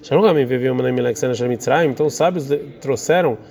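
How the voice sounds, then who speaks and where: A man's voice: medium pitch, normal speed, creaky, a little mellow. A man teaching Talmud, reading Hebrew phrases aloud and then explaining each one, with some hesitation. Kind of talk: reading and translating a text aloud.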